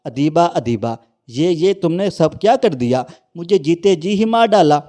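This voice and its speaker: A man's voice: a little high, expressive, dark tone, lightly acted. Man doing a weary old fruit-seller father. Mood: heartbroken. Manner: pleading, heartbroken.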